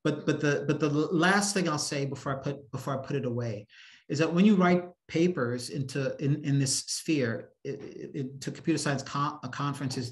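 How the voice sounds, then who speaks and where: A man answering a question at an academic seminar over a video call, emphatic and often repeating words as he starts a sentence. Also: mid-range voice. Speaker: seminar speaker. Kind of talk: academic Q&A discussion. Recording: echoey room on a video call.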